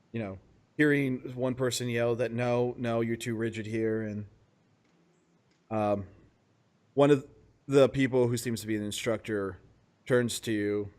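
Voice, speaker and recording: A man running a tabletop game as game master, narrating loosely with fillers and chuckles. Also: medium pitch.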